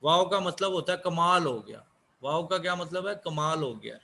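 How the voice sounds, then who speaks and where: A man teaching an online English class, speaking slowly and repeating key words as he explains. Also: a little high, expressive, creaky, pushed and bright.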